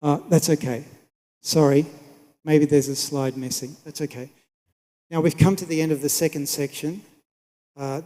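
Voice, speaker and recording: In a reverberant hall, a man with a mellow, fairly high voice presents an academic talk. He explains things in a measured, polite way. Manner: measured, polite, checks on listeners. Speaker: conference presenter. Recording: echoey hall with long reverb.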